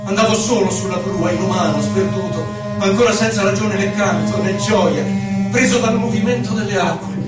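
In a radio poetry recital, a high-voiced man performs at a moderate pace, solemn and theatrical, drawing his phrases out dramatically. He sounds distant and echoey beneath loud music.

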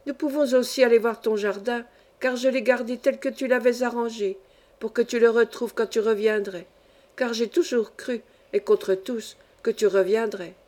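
A woman's voice: on the high side, fairly even intonation, normal speed, a little mellow, natural voice. A woman voicing an older peasant foster mother in a storybook reading, tender, exclamatory and easily moved. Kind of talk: audiobook character reading.

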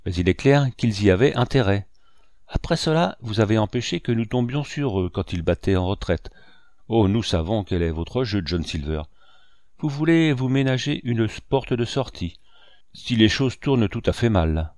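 A man's voice: lowish voice, expressive, normal speed, a little mellow, dry recording, studio quality, lightly acted. A man voicing a defiant male pirate in an audiobook, insistent and accusing. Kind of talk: audiobook reading.

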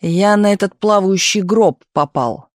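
A man reading an audiobook, voicing a fussy, excitable young male photo reporter with a raised, nervy voice. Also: sits high, no room sound, studio quality. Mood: complaining. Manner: complaining, nervy, quick to object.

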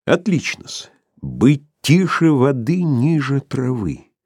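A man's voice: mid-range voice, sing-song, slow pace, darkish tone, breathy edge, pitched above the performer's own voice, full character voice. A man reading an audiobook voices a stern young doctor who speaks in a hard, commanding tone. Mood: menacing. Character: stern young male doctor, iron-willed. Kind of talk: audiobook character voice.

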